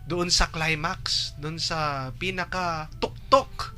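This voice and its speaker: Bright-voiced man explaining in easy chat. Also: fairly high pitch, steady tone, slow. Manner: explains patiently, tags lines with 'no?'; acts out shouted lines for comic effect.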